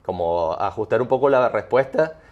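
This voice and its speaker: A man hosting a conversational interview, measured and encouraging as he asks his questions. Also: medium pitch, lively intonation, highs cut off. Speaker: interview host.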